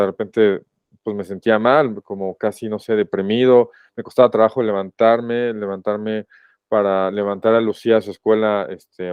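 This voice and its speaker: A man with a Mexican accent tells his own story as a podcast guest. His voice is low, smooth and resonant, and he speaks in a reflective, halting way, often stopping to rephrase. The sound is dry and a little dull, like a lo-fi recording. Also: no room sound. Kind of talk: personal testimony in a podcast interview.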